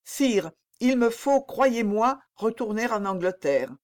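A woman reading the part of a young princess who speaks with soft, sad firmness in an audiobook. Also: on the high side, lively intonation, slow pace, pitched above the performer's own voice. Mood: melancholy. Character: young melancholy princess, gentle and firm.

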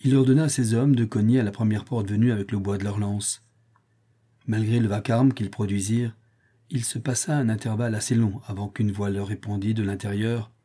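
Dark, husky male audiobook narrator. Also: lowish voice. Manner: measured, steady reading.

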